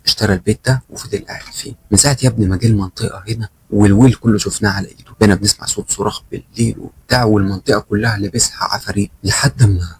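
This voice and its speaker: A young man with an Egyptian Arabic accent telling a first-person horror story in a quick, conversational way, acting out the lines of the people in it. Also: on the low side, steady tone, slight background noise. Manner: fast, conversational retelling with quoted dialogue.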